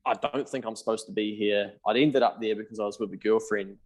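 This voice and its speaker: A New Zealand man in his thirties, an accountant and business founder, tells his story candidly as a podcast guest, swearing casually and acting out past conversations. His voice is fairly low, with fairly even intonation and a slightly fast pace.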